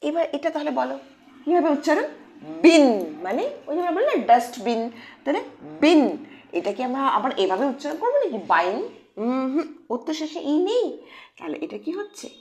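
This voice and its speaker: A woman teaching English phonics to children in a lively, questioning way. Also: high-pitched, fast. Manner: animated, questioning teacher voice addressing kids. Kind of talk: children's lesson.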